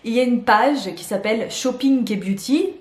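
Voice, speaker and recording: A woman's voice: on the high side, normal speed, roomy sound. A woman vlogging about beauty shopping in a chatty way, laughing often and repeating words as she explains. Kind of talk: casual explainer vlog.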